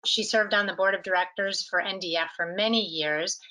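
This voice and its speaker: A woman's voice: mid-range voice, fairly even intonation, brisk, pushed and bright, poor audio. A woman hosting a webinar over a video call, introducing a speaker in a friendly, upbeat way. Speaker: host.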